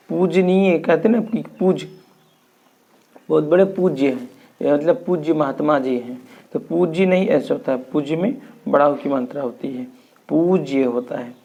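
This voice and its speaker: A young man teaches Hindi grammar to a class. His voice is a little high and has a gravelly edge. He explains each term slowly and answers his own questions. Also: mellow.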